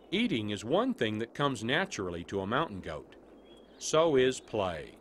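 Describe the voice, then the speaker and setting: A middle-aged man narrates a nature documentary with a lively, varied pitch. Faint natural ambience and animal sounds sit behind his scripted delivery. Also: slight background noise.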